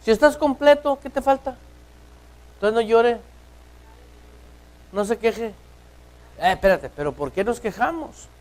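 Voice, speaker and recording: Pastor guy preaching in church, kinda high voice, keeps asking the crowd questions, loud then quiet. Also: lively intonation, a little slow, pauses often, poor audio. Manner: preaches with rhetorical questions, swings from loud to hushed. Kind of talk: sermon.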